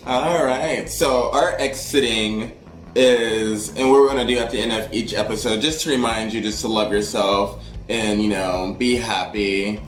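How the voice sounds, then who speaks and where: A man's voice: fairly low pitch, steady tone, a little slow. A man co-hosting a casual comic chat, joking and giggly. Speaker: co-host. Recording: roomy echo with music.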